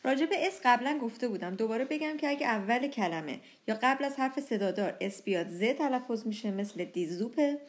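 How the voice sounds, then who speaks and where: A young woman teaching a language lesson, explaining pronunciation patiently and slowing down on example words. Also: fairly high pitch, lively intonation, noisy background.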